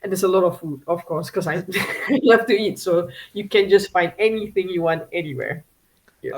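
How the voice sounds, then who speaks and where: A woman's voice: lowish voice, moderate pace, rough recording. A woman talks as an interview guest in a loose, chatty way. She restarts sentences, stacks fillers and laughs often. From Singapore. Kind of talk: casual interview chat.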